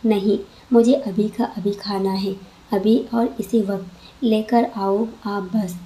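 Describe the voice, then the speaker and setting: A woman's voice: medium pitch, fairly even intonation, slow pace, warm tone, natural voice. A woman voicing a sulky, demanding young wife in a read-aloud story, scolding petulantly. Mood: angry.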